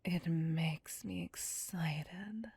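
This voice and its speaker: In this audio roleplay, a woman voices a smug, teasing vampire captor, possessive, cocky, sadistic and playfully menacing, in a slow, breathy, husky whisper that seduces and dominates. Her pitch is fairly low, her tone darkish, the voice exaggerated and echo-free.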